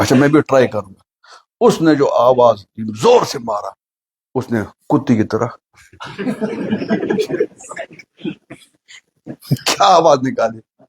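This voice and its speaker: A man's voice: mid-range voice, slightly rough. A man giving a sermon, telling a funny story and asking the listeners questions. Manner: asks the audience questions, acts out story characters. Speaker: Islamic preacher.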